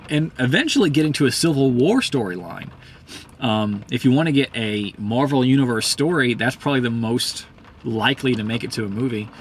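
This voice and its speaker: A man giving a casual, profane, heated commentary, rambling with many fillers and swinging up in pitch when worked up. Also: a little hiss or hum. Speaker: host.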